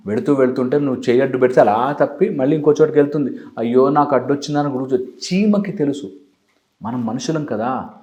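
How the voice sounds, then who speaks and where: A man's voice: medium pitch, a little mellow. A man with a Telugu accent giving an emphatic motivational talk as a life coach, slipping English phrases into his speech.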